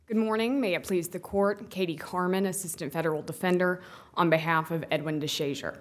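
A woman's voice: on the low side, steady tone, a little fast. A woman defense attorney giving a formal, careful appellate argument to a panel of judges.

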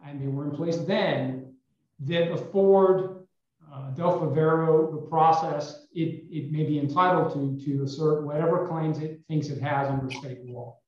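The state's attorney, a man, presents his appellate argument with formal, measured courtroom poise, his tone steady and darkish. The remote audio line is dull and muffled, and a booming, hollow echo makes him sound like he's talking from inside a well.

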